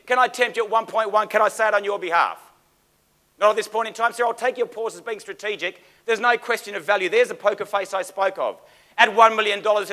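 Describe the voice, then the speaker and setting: Bright, high-voiced male auctioneer. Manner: formal, oratorical auctioneer delivery with dramatic emphasis. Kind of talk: auctioneer's performance: theatrical sales pitch and bid calling.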